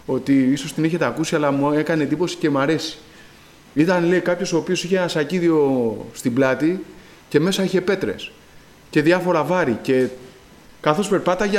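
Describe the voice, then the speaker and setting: A middle-aged man preaching a sermon, slowly reading scripture aloud and then exhorting his listeners in emphatic, rising bursts. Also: fairly high pitch, a little mellow.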